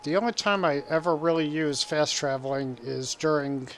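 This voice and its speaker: An American man chats casually while streaming a game, rambling, chuckling, and reading viewer comments aloud. His slightly high voice is fairly bright, with fairly even intonation at normal speed, and a little hiss or hum is audible.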